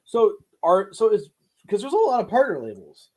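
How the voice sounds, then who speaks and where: Playful, lively-voiced man co-hosting a chat. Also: sits high. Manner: playful, joking, quick to laugh. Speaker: podcast co-host. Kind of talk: casual chat about film releases.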